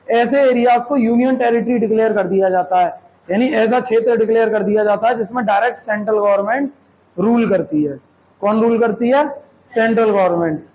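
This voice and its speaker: A man's voice: very high-pitched, a little mellow, a little hiss or hum, rough recording. A man teaching a classroom lecture, explaining step by step and checking with students through rhetorical questions, mixing Hindi with English terms.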